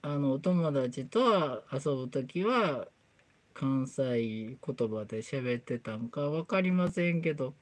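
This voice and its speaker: Slow-talking Kansai woman streamer, chatty repair session, pitch all over the place. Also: animated, no room sound. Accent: Kansai, with Kyoto dialect. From Kansai, Japan. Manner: chatty, mutters to herself as she works. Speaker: livestream host. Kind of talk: casual livestream chat while doing a repair.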